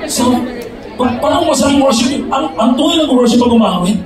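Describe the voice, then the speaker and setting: Male Filipino preacher, very high voice, shouts and sings his lines, heard from far off in a big hall. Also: animated, fairly quick. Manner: shouts and sings phrases, switches between Tagalog and English. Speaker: youth conference preacher. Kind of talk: sermon. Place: large hall with an audience. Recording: echoey hall from far off, loud crowd and noise.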